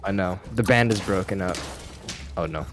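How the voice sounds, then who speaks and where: A man chatting casually while playing a game, excitable and quick to swear and yell. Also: low-pitched, over music. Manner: excitable, swearing, sudden yelling outbursts. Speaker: gamer. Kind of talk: casual gameplay chat.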